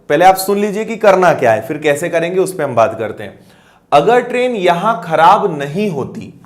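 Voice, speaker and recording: Guy with a slightly high voice walking through math problems, asks if you got it. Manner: explanatory, checks understanding with questions. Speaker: maths teacher. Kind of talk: explaining math problems on a board.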